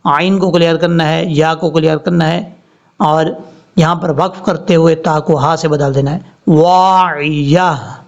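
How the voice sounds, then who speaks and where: High-voiced man teaching Quran recitation. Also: fairly even intonation, creaky. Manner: explains pronunciation rules, then recites words slowly and drawn out. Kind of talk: tajweed lesson with slow recitation. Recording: slightly dull lo-fi audio.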